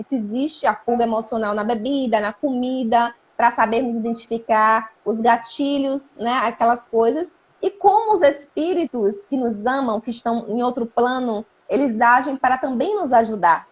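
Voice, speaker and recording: A woman's voice: on the high side, a little hiss or hum. Brazilian woman hosting a spiritual talk. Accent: Brazilian Portuguese. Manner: reflective, explains with many tag questions. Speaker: host.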